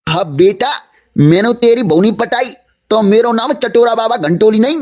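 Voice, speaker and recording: A shameless old village holy man, voiced by a man, boasts in a deep, gruff drawl. The voice sits far below the performer's own. A loud hiss and clicks run under the whole recording. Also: moderate pace, natural voice. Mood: brazen. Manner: boastful, brazen.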